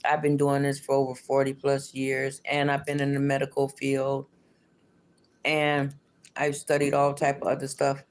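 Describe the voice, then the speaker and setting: A middle-aged or older woman reads tarot on a livestream, chatting casually and repeating her phrases. Her toothless articulation is slightly slushy, her voice extremely low, and her delivery completely flat at a moderate pace.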